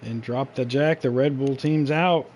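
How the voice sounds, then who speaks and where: A man doing live play-by-play commentary on a sim race, joking and switching quickly between calling the action and banter with his co-host. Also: medium pitch, darkish tone, slight background noise.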